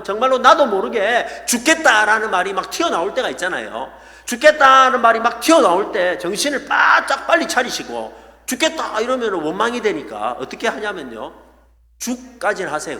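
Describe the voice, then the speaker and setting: Man, pastor, animated revival preacher, echoey sanctuary. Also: high-pitched. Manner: animated storytelling with playful asides. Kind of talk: revival sermon. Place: church sanctuary. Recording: echoey church hall.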